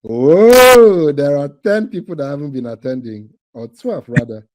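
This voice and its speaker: A man's voice: mid-range voice, big pitch swings, a little fast, warm tone, lo-fi sound. Playful man hosting an online quiz. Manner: playful, teasing, laughs often. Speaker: quiz host for online training cohort.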